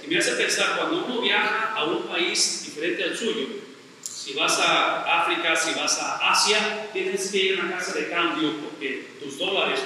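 A man's voice: high-pitched, sharp tone. A middle-aged man pastor preaching a sermon, stressing points by repeating phrases and asking the congregation rhetorical questions. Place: church sanctuary. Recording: very echoey church hall, voice from far off, faint noise.

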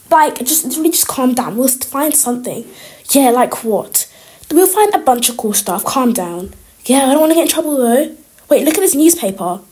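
A woman voicing chatty teen schoolgirls sneaking into a school, talking quickly with lots of fillers. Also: sits high, darkish tone. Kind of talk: toy-game roleplay voiceover.

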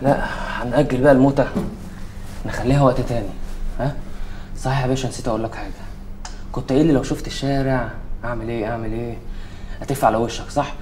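A man's voice: medium pitch, fairly even intonation, fast, pauses often, background noise, natural voice. An actor playing a cocky young man who taunts and mocks a captive officer, speaking with an Egyptian accent in a sarcastic, mock-soothing way. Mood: taunting. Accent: Egyptian Arabic. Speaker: taunting captor.

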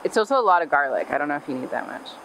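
A woman's voice: low-pitched, lively intonation, racing, gravelly, a bit bright, slight background noise. A woman camping outdoors, chatting cheerfully and teasing, heard from a distance on a camera mic. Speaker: fellow camper. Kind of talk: casual chat. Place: outdoors at a campsite.

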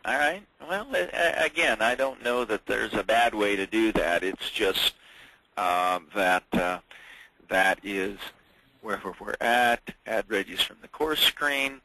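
A man training users in a software webinar, chatty and halting, with many fillers and restarts. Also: fairly low pitch, no room sound, rough recording. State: hiccups.

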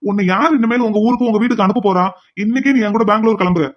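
A man voicing a headstrong young man, fast and high. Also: muffled recording, close to an everyday voice. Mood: insistent. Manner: forceful, insistent. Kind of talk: cartoon drama dubbing.

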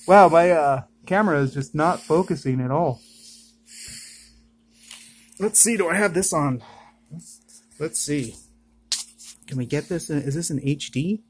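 Chatty vlogger doing casual unboxing commentary indoors; mid-range pitch, excited outbursts. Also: measured pace, pauses often, a little hiss or hum. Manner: chatty, excited exclamations at each pull. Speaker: card-opening vlogger. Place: indoors at home.

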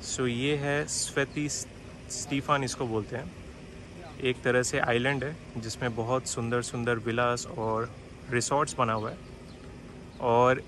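A man from Bihar, India, narrates a casual walking tour as a travel vlogger, chatty and explanatory, with plenty of filler hesitations. His voice sits at a middling pitch for a man. It is captured on a handheld camera outdoors on a coastal hillside road, with clear street noise and passing traffic behind him.

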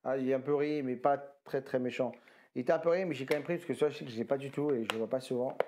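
Over a slight hiss or hum, a man speaks quickly in a medium-pitched voice with a darkish tone. He's a tired retro game collector vlogger from France, rambling through casual commentary on his flea-market video game haul and often correcting himself with slang.

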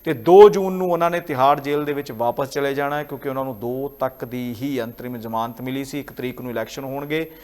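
A man presenting news commentary as an anchor, in a measured, explanatory way. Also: mid-range voice, fairly even intonation, darkish tone, big-room sound.

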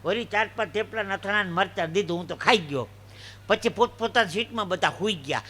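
A man tells stage jokes and folk stories, slipping into little voices for the people in them. His voice sits high for a man, and his tone is very bright and ringing. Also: a little fast. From Gujarat, India. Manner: animated joke telling with acted dialogue voices. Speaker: stand-up comedian. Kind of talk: live folk comedy storytelling.

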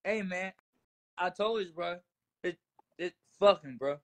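A man in rowdy live-stream banter, loud, profane and swaggering. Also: high-pitched, measured pace, slight background noise.

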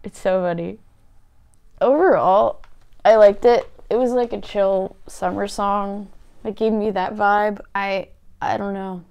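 A woman's voice: medium pitch, fairly even intonation, a little slow, gravelly, a little mellow, smooth, highs cut off. A woman in her twenties, hungover and tired, chatting casually and listlessly as she hosts a reaction video. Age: 20s. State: hungover, exhausted, with a headache. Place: small indoor room at home.

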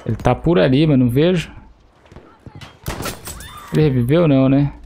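Streaming gameplay, this young Brazilian man keeps up a casual running commentary, cracking jokes, cursing and calling out to his team in a Brazilian Portuguese accent. He talks at a normal pace in a warm, creaky mid-range voice over quiet game noise.

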